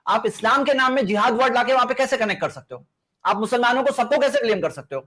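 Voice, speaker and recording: A man's voice: very high-pitched, animated, pushed and bright. A man hosting a heated live debate, insistent and pressing his point with repeated rhetorical questions. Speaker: debate host.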